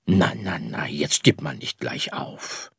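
A man reading an audiobook, voicing a calm, comforting father star. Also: deep voice, slow pace, gravelly, husky, no echo, exaggerated voice. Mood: soothing. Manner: soothing.

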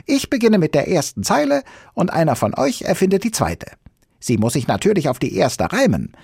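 A man's voice: wildly swooping pitch, a little fast, vocal fry, husky, no echo, studio quality, heavily acted. A man voicing a cheeky little magical creature with a pig snout, reading a children's book aloud. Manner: shrill, loud, bold. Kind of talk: audiobook reading.

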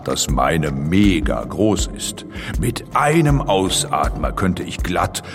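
A giant, friendly blue whale chats boastfully in a children's audio feature. The voice is very deep and swings freely up and down, taking its time over colloquial explanations. Music plays clearly behind it. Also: male voice, big pitch swings, slow, big-room sound, exaggerated voice. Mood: easygoing, boastful. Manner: colloquial, addresses the young listener directly.

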